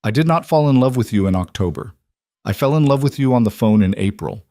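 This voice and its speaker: A man voicing a reserved, careful man of power who talks in a measured, deliberate way. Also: medium pitch, animated, mellow, no room sound, studio quality, close to an everyday voice. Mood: tender.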